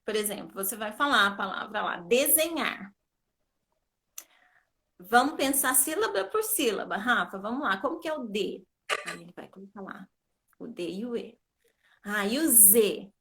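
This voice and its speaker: A woman's voice: mid-range voice, lively intonation, normal speed, sharp tone. A woman educator teaching on a live video call, explaining step by step in a patient way and often checking that she is understood. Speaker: literacy educator.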